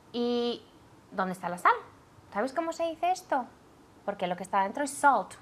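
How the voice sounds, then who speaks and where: A woman runs a language lesson at an unhurried pace. Her voice sits a bit high and moves up and down a great deal as she drills each sound. She checks in with her student again and again. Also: fairly bright tone. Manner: clear, drilling pronunciation with frequent checks. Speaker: English teacher.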